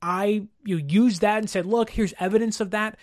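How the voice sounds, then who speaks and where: Casting: sports commentator, mid-pitched voice, casual and conversational solo talk with rhetorical check-ins, dry close mic. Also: fairly even intonation, normal speed, dry recording. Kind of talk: casual football commentary monologue.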